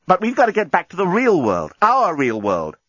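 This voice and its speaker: A man's voice: high voice, huge pitch swings, moderate pace, fairly bright tone, slightly rough, dry recording, muffled recording, pitched above the performer's own voice, exaggerated voice. A man voicing a young woman who talks urgently and anxiously. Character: panicky young woman on a spaceship.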